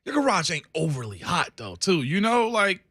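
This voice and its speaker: Animated folksy Southern US man, bright voice. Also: high-pitched, normal speed, breathy edge, dry recording. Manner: folksy, colloquial, emphatic. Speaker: talk show co-host. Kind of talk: casual banter and storytelling.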